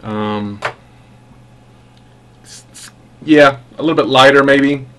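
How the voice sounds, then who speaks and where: A man reviews pipe tobacco casually, musing slowly and haltingly as he savors it with enthusiasm. His voice is medium-pitched and fairly bright, with a little hiss or hum.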